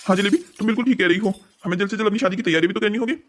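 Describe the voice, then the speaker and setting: A voice actor playing a sly, smooth-talking young man in a cartoon story, coaxing and evasive. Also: mid-range voice, very fast, a little hiss or hum, natural voice.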